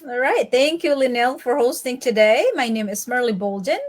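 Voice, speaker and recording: A woman's voice: fairly high pitch, a little fast. A woman from the Philippines speaking briefly and cheerfully in a casual group video chat.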